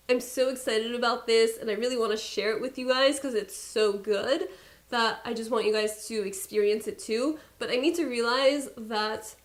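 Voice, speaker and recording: A young woman vlogging about beauty in a loose, chatty way, her voice sitting a little higher than most. She talks straight to her viewers with candid, playful emphasis and laughs at herself now and then. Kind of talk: casual chat to camera.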